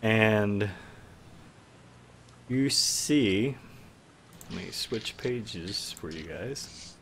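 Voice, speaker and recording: A man narrating as game master of a streamed tabletop game, relaxed and rambling, with fillers. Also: fairly low pitch, extremely slow, slight background noise. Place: home stream setup.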